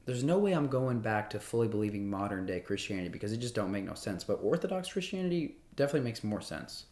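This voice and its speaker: A young male livestream host rambles playfully through questions and replies to chat messages in a casual way. He speaks quickly and with a lot of animation, in a fairly low, darkish voice.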